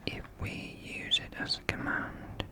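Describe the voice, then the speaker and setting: Soft, slow whispering fills this ASMR video, delivered by a Finnish creator whose accent comes through clearly. Little laughs slip in now and then.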